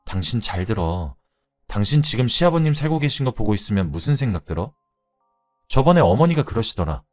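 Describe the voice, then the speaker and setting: A man voicing a furious, fed-up young wife who shouts and mocks her husband. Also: lowish voice, natural voice. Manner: shouting, scornful, biting.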